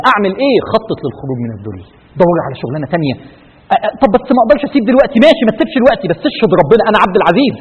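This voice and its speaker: A man with an Egyptian accent preaching a sermon, rousing, firing rhetorical questions and dropping from loud to hushed. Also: a little high, slightly rough, in a large hall, narrow, tinny audio. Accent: Egyptian Arabic.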